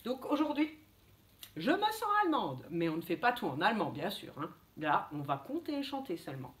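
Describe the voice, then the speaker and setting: A woman teaching a video lesson to young children as a preschool teacher, in a lively, sing-song teacherly way. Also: mid-range voice, brisk.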